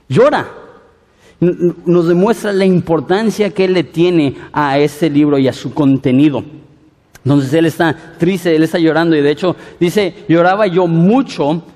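A man preaching a Bible-teaching sermon in an expressive way, often stumbling and restarting words. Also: a little high, big-room sound. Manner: expressive, with frequent stutters and restarts.

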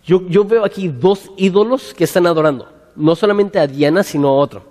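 A man preaching a sermon as pastor, animated and acting out scenes with quoted voices. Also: high voice, brisk. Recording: long hall reverb.

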